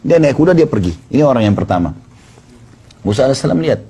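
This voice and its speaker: A man's voice: medium pitch, big pitch swings, fast talker, mellow, husky. A male preacher telling stories in a sermon, narrating and quoting the people in them. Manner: narrates tales with quoted dialogue. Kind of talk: storytelling sermon.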